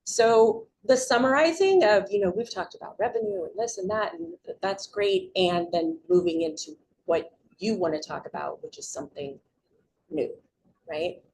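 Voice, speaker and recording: A woman's voice: fairly low pitch, expressive, normal speed, a little mellow, a little hiss or hum, poor audio. A middle-aged woman giving an informal community presentation on public speaking, chatty and upbeat, often checking in with her listeners. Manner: chatty, upbeat, frequent "right?" check-ins.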